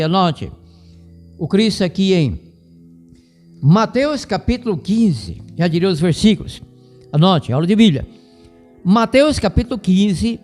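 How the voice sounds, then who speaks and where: A high-voiced Brazilian man gives a Bible lesson over the radio, lecturing in a didactic, rambling way and repeating his points. His voice carries a long hall reverb, with faint music underneath. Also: a little mellow. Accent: Brazilian Portuguese. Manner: didactic, digressive, repeats himself.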